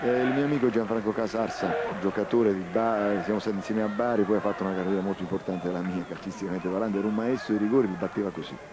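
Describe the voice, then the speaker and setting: A middle-aged man with a fairly low voice offers analytical football commentary. He explains things in a reflective, conversational way over clear outdoor stadium noise. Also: fairly even intonation, quick pace, hardly any pauses.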